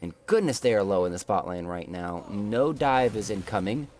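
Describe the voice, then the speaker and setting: Excitable male esports play-by-play caster. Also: fairly low pitch, slight background noise. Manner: rapid play-by-play, jokey banter, rises excitedly in big moments. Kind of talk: live game commentary.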